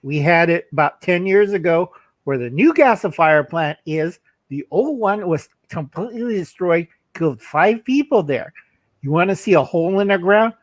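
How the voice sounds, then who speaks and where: A man's voice: sits high, lively intonation, normal speed, dry recording. A man co-hosting a livestream, blunt and folksy, telling stories over a video call. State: coughing. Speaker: livestream co-host. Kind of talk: casual livestream chat.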